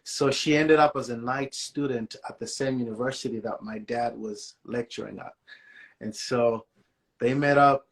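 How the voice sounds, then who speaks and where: Relaxed man telling his life story. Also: medium pitch, normal speed. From Malawi. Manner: relaxed, says "man" and "yeah" often. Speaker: guest, musician and speaker. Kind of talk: casual storytelling interview.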